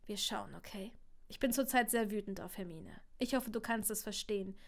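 A woman's voice: mid-range voice, moderate pace, creaky, slight background noise, close to an everyday voice. Woman reading a dry ironic young dad. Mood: hushed. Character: young father, dry and ironic, tender with his son.

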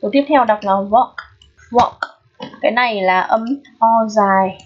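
A woman teaching an English pronunciation lesson. She explains patiently and keeps checking in with her students through quick questions. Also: mid-range voice. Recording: dull lo-fi recording.

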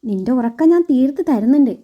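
A woman's voice: high-pitched, lively intonation, fast talker, dull audio. A woman voicing a young doctor husband who speaks in a dry, teasing way.

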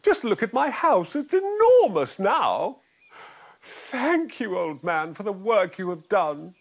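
A man voicing a fussy, flustered little old woman who wails and pleads in a high voice. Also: sing-song, slow pace, heavily acted. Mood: pleading.

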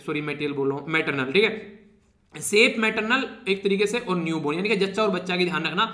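Male current affairs tutor, high fast voice, joking casual lecture style. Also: sharp tone, reverberant. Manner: chatty, teasing students, laughs often. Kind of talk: casual Hindi exam-prep lecture.

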